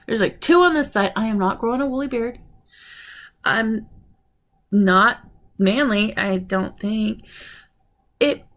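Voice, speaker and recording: A woman in her forties chatting casually in a vlog, telling stories with animated retellings of conversations and sounding frustrated. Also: fairly high pitch, slow, long pauses. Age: 40s. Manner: animated storytelling, acting out quoted conversations; frustrated, ranting. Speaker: vlogger. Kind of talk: casual chat.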